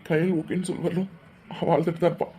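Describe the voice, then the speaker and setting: A woman voicing a young man who quietly steadies a crying friend. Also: level tone, fast talker, heavy background noise, natural voice. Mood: hushed firm. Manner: low, firm, hushing.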